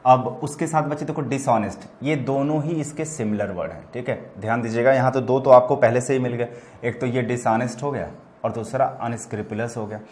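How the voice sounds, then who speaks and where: A man's voice: mid-range voice, fairly quick, darkish tone. A man in a medium voice gives a vocabulary lesson. He talks in a chatty, repetitive way and keeps turning to his students with affectionate asides. He sounds like a teacher at a board. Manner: chatty and repetitive, addresses students as "beta" and "bachche". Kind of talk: explaining English words in Hindi to students.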